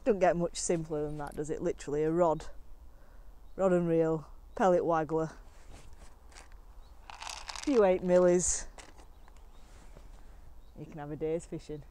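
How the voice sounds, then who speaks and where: A woman's voice: low-pitched, unhurried, long pauses. Chatty woman fishing by a lake. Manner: chatty and excitable, talking to camera between catches. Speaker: angling vlogger. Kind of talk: casual commentary while fishing. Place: outdoors on a lakeside bank. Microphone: camera on the bank.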